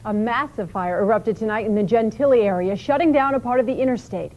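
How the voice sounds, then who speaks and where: A woman's voice: fairly high pitch, quick pace, a little mellow. A woman anchoring the evening news, reading scripted headlines. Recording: dull lo-fi TV audio with music.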